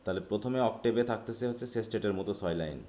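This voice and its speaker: A man's voice: lowish voice, racing, mellow, slight background noise. A man from Bangladesh teaching an English literature class online, reading English lines aloud and questioning his students. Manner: mixes Bengali with read-out English, asks students questions.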